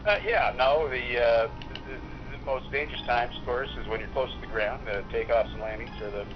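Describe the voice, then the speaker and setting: A middle-aged man from Utah, an airline pilot, talking calmly over a speakerphone and explaining things with frequent pauses. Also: mid-range voice. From Utah, USA. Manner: calm, explanatory, pauses often to think. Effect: heard over a speakerphone. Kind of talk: casual phone interview. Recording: muffled speakerphone call with steady noise.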